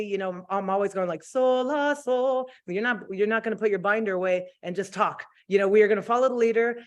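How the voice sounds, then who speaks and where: A woman who teaches middle school choir talks as a guest on a video call. Her voice sits at a middle pitch, and she speaks in an animated, playful way. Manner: animated, playful, laughs often. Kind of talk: casual video-call chat.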